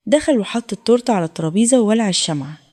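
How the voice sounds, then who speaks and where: A woman's voice: medium pitch, lively intonation, racing, darkish tone. A woman with an Egyptian accent narrating a heartfelt first-person story. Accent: Egyptian Arabic.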